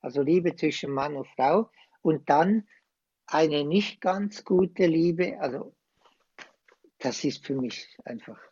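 Slow, impassioned man. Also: on the high side, a little mellow, husky, no room sound, dull audio. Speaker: guest, former priest. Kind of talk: conversational interview.

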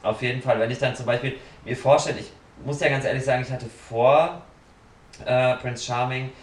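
A man's voice: mid-range voice, fairly even intonation, brisk, far from the mic. A man in casual chat, telling stories bluntly and dramatically with acted-out quotes. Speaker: podcast guest. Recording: roomy sound from off the mic, faint noise.

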